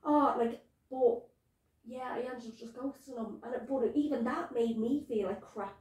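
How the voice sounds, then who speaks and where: A woman's voice: fairly high pitch, fairly even intonation, moderate pace, darkish tone. An Irish woman talking candidly and informally in a casual, unscripted podcast chat. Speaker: podcast co-host. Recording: echoey room, distant mic.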